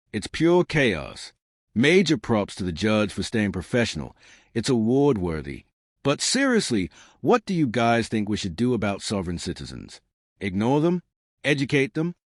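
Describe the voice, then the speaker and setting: A man's voice: fairly low pitch, no echo, clean studio sound. A man hosting a scripted reaction video, giving hyped-up, mocking commentary with emphatic delivery. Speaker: host of a reaction channel.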